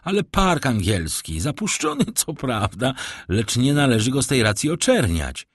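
A man voicing a cool, commanding nobleman who speaks in a measured, ironic way, in an audiobook reading. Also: mid-range voice, wildly swooping pitch, slightly rough, dry recording, studio quality, voice pushed up, full character voice. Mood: cold, ironic.

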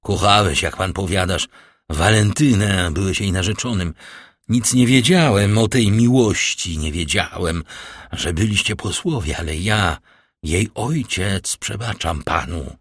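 A man's voice: sits low, a little slow, a bit bright, breathy edge, no room sound, studio quality, full character voice. A man voicing a stern, grieving middle-aged father who speaks in cold, formal commands, read in an audiobook. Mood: somber.

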